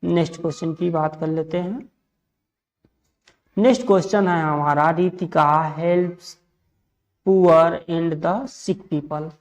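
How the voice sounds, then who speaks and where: A man from India teaching an English grammar lesson for exams. He asks questions and answers them himself, repeats set phrases, and reads the example sentences slowly. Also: on the high side, fairly even intonation. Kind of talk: exam-prep grammar lesson.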